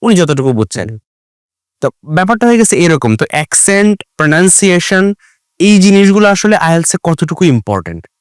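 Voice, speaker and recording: Male podcast host, smooth clear voice, dry studio sound, lively storyteller. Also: high-pitched, fairly quick, no room sound. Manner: animated storyteller, mixes English into Bengali. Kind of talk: casual storytelling chat.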